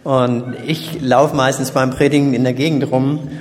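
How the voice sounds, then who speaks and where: A man interpreting a sermon live, speaking in a measured way with small restarts. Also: medium pitch, little pitch movement, faint music behind. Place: large church hall. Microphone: handheld mic. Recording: church hall with long reverb.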